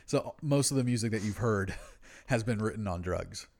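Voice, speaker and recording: A man co-hosting a podcast, casually discussing music in a laid-back, slangy, sweary stoner manner, as someone who is habitually high. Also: lively intonation, moderate pace, creaky, darkish tone. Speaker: podcast co-host.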